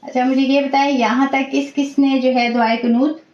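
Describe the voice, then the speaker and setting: A woman's voice: high voice, level tone, a little mellow. Woman teaching in an echoey room. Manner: slow, careful drawn-out recitation of sounds. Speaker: online religious teacher. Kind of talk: online class lesson. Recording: echoey dull room audio.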